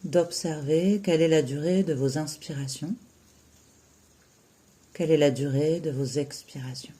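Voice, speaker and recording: A yoga teacher's mellow, soft-edged voice leads a guided relaxation, sitting in the mid-range with a steady tone. She speaks slowly and soothingly in short phrases broken up by long pauses.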